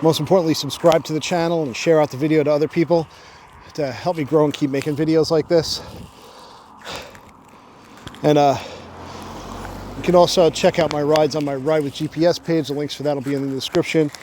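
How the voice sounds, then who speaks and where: A man talking casually while riding his bicycle outdoors on a road, relaxed and chatty with lots of fillers, a little out of breath. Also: a little high, a little fast. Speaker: cycling vlogger. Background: passing traffic.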